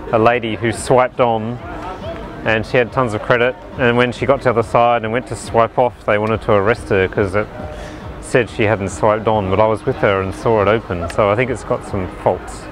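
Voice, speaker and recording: A man's voice: lowish voice, rough recording. A man chatting casually as a member of the public in a vox pop.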